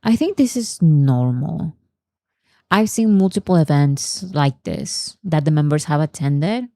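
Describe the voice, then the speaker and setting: Low-voiced woman reacting casually. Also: animated, measured pace, mellow, no room sound. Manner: chatty, thinks aloud, reads chat comments and answers them. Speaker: reaction channel host.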